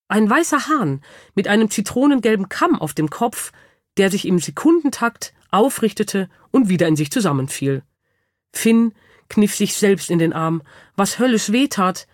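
A woman narrating a children's audiobook with lively, expressive storytelling. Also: on the low side, dry recording, studio quality.

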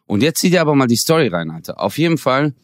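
A man in his forties from Germany, co-hosting a podcast and telling a story in a lively, slangy way, acting out the dialogue. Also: medium pitch, fast talker, dry recording, studio quality. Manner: animated, slangy, acts out quoted dialogue. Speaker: podcast co-host. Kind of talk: casual storytelling chat.

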